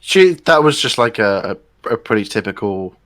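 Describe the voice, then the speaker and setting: A man's voice: on the low side, big pitch swings, moderate pace, a bit bright, no echo. A man co-hosting a podcast, chatting eagerly with hesitant restarts. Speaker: podcast co-host. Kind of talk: casual chat.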